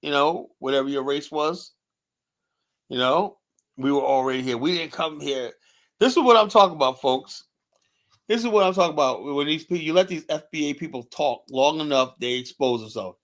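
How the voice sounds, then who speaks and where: Heated political commentary comes from a male streamer host whose voice is a little high and a bit bright. He speaks bluntly and repetitively, drops "you know" into pauses, and quotes others in put-on voices to mock them.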